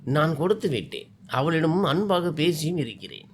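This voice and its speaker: Soothing young wife in a storybook reading, gentle, higher voice; a man plays her. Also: big pitch swings, normal speed, a little hiss or hum.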